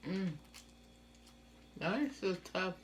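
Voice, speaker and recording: A woman hosting a mukbang eating show, murmuring and humming slowly between bites in casual commentary. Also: medium pitch, expressive, slight background noise.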